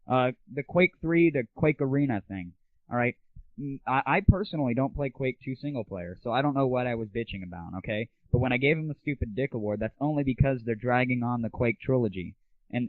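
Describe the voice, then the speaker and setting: A man with a medium-pitched voice hosts a casual audio show, ranting about gaming and music in a blunt, irreverent, exasperated way. The recording is dry, with tinny, phone-like lo-fi sound reminiscent of the 1990s.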